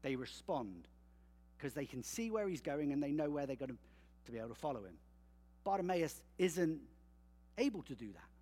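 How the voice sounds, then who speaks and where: A man preaching a conversational sermon, animated and checking in with his listeners often. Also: fairly high pitch, normal speed, long pauses. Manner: conversational, animated, frequent "okay?" check-ins. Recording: long hall reverb.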